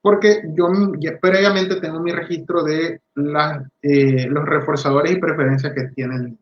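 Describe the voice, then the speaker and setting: A male speech therapist giving a talk to parents, animated and acting out the voices of parents and children as he explains. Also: fairly high pitch, moderate pace. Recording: roomy, dull lo-fi audio.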